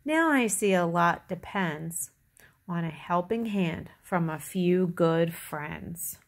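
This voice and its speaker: A woman voicing a big, self-important male dump truck in a children's read-aloud, loud and brusque. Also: lowish voice, lively intonation, takes it slowly, exaggerated voice. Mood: grateful. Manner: loud, brusque honking and declaring.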